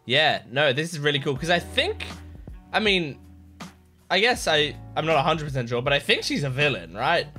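Very animated and forceful, this twenties-aged man's slightly high, bright voice moves at a moderate pace. He hosts YouTube reactions from a small bedroom computer desk with a desk boom mic close by, gushing and swearing in excited casual chat while game trailer music plays.

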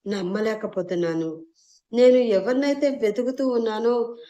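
A woman voicing a middle-aged man who speaks in tearful, halting disbelief. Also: on the high side, mellow, muffled recording, pitched above the performer's own voice.

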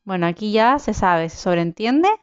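With an animated, smooth voice at medium pitch, this young woman talks at normal speed, and the audio has its highs cut off. She hosts a gaming channel and casually narrates her survival game in let's-play style. Along the way she chats, swears, and exclaims.

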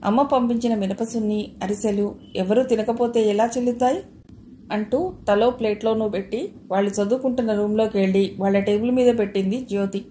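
A woman narrating an audio novel in a calm, even storytelling manner. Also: mid-range voice, fairly quick, slight background noise.

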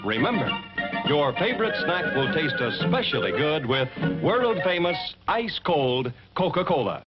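A man's voice: on the high side, very animated, measured pace. Upbeat vintage male ad announcer. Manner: upbeat, emphatic sales delivery. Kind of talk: 1950s commercial announcing. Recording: dull lo-fi old film soundtrack. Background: loud band music.

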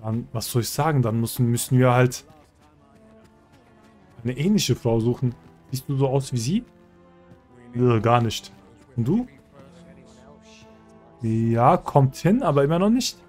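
A man's voice: mid-range voice, lively intonation, unhurried, long pauses, darkish tone, soft background music. Chatty man commenting on gameplay. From German-speaking country. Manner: chatty and joking, talks to game characters. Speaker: let's play host.

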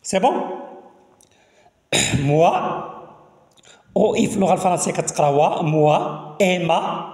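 A man with a Moroccan Arabic accent teaching French. He reads the words slowly, repeats them and explains each one to his listeners. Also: high-pitched, a little mellow. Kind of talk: language lesson explaining in Arabic. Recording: echoey room with long reverb.

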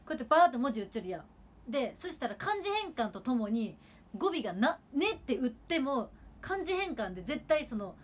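A woman's voice: high voice, big pitch swings, a little fast. A woman in her twenties from Kagawa, speaking in Kagawa dialect, rambling chattily during a casual livestream at home with her sister. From Kagawa, Japan. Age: 20s. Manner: rambling, chatty, with frequent fillers. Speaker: idol livestreamer.

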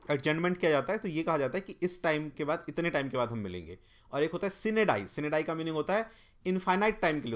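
A teacher talking through a mock test for exam prep, spelling each word out letter by letter. The delivery thinks out loud, tries options and corrects itself along the way. English vocabulary terms are mixed into the explanations. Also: medium pitch. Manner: corrects themself mid-explanation.

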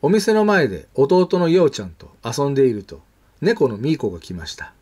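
A man reading a children's picture book aloud in a gentle, expressive way. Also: medium pitch, fairly quick, breathy edge. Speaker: storyteller.

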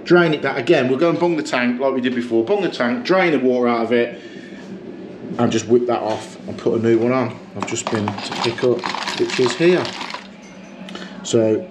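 A man's voice: medium pitch, background noise. A man, a plumber chatting and explaining as he works, a little self-mocking. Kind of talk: work vlog narration. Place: living room in a house, indoors.

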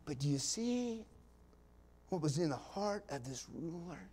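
Slow-talking, impassioned man preaching a sermon. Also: a little high, big pitch swings, husky. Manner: swings from hushed near-whispers to loud impassioned climaxes, drawn-out pauses; folksy, with small laughs and asides. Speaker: pastor. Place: church sanctuary.

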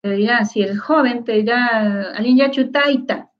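A woman teaching a lecture on Quechua, sounding out syllables slowly and often stopping to ask whether her listeners follow. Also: fairly high pitch, dull audio. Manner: asks many rhetorical check questions. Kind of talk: online lecture.

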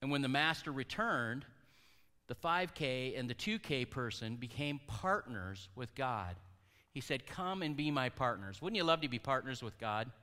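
Male pastor, conversational sermon delivery, bright tone, long church reverb. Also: mid-range voice, lively intonation, moderate pace. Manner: conversational, asks the congregation questions. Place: church hall.

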